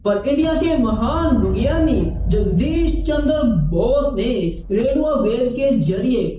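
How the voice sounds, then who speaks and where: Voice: high-pitched, lively intonation, slow pace, heavy reverb, dull audio, noisy background. A facts channel narrator giving an earnest voice-over and addressing viewers directly.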